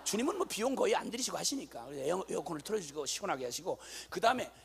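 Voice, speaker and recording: A middle-aged man, a missionary preacher, telling a testimony in a sermon with lively, animated storytelling. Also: high-pitched, very fast, gravelly, slight background noise. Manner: animated storytelling, acting out voices, rising to shouts.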